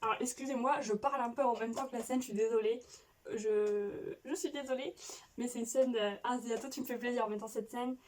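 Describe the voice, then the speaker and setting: A woman's voice: fairly high pitch, fairly even intonation, a little fast, a crowd in the background. Chatty woman vlogger, a bit off-mic. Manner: chatty, rambling, self-justifying with frequent restarts. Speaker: YouTuber playing a quiz game. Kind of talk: casual reaction chat. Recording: voice a bit distant from mic with faint noise.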